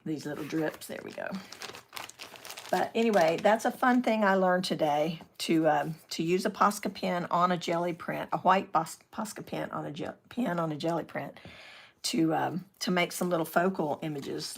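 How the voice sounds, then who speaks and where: An older woman with a low, gravelly voice, chatting casually through a live craft demonstration. She works at her table and reads out viewer comments as they come in. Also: moderate pace. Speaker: craft channel host.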